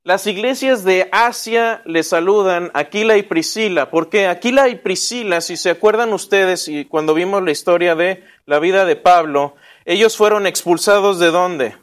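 A man's voice: high voice, normal speed, hardly any pauses. A man teaching an interactive Bible lesson, asking the class questions and answering them himself in a casual way. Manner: casual, with restarts and asides.

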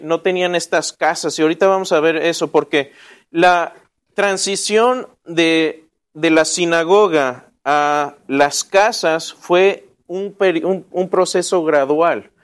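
A man leads a Bible lesson in a high voice. He talks casually, asks the class questions and often answers them himself. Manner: casual, with restarts and asides.

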